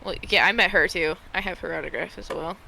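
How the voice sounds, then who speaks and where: A woman's voice: on the low side, fast, creaky, pushed and bright, low-quality recording. A woman chatting casually as a guest on a stream call, informal, rambling and blunt. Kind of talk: casual chat. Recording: faint noise on a call.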